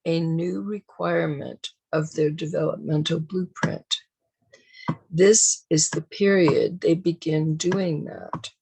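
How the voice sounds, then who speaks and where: Slow, gravelly-voiced woman teaching parents. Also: low voice, steady tone, darkish tone, poor audio. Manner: slow, deliberate, emphatic delivery. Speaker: parenting educator and show host. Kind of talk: scripted parenting talk.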